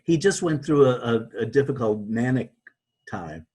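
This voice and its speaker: A man being interviewed as a guest, talking in a halting way with many restarts and repeated words. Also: mid-range voice, lively intonation, a little mellow, husky. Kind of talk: conversational interview.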